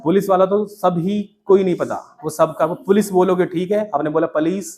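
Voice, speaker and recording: A man's voice: high-pitched, moderate pace, a crowd in the background. A middle-aged man with an Indian accent teaching English in a class, chatty and scolding with jokes. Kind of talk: classroom lecture.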